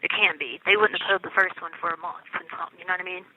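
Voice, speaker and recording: Over a tinny, narrow telephone line, a jail inmate chats about personal matters at a racing pace, with slight background noise. She's a middle-aged American woman with a lowish voice, colloquial and insistent, repeatedly making sure she's being understood.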